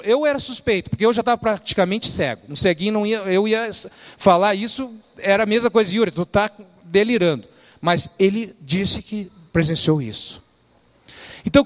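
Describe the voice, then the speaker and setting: Homem brasileiro contando história com vivacidade. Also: male voice, high-pitched. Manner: lively storyteller, quotes people and quizzes the audience. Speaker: church speaker. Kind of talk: storytelling sermon. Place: church hall.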